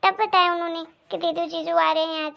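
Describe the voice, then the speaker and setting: Cartoon young wife, cheerful and apologetic, very high girlish voice, a woman acting her. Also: level tone, fast talker, gravelly, a bit bright, full character voice. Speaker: daughter-in-law.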